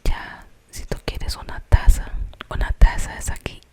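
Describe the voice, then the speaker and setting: A storyteller with a Colombian accent whispers an ASMR tale in a hushed, slow, suspenseful manner, pausing for explanatory asides.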